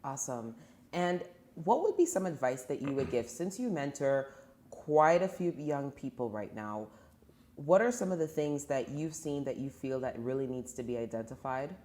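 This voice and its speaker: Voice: medium pitch, darkish tone. An interview host asking a guest questions and affirming his answers.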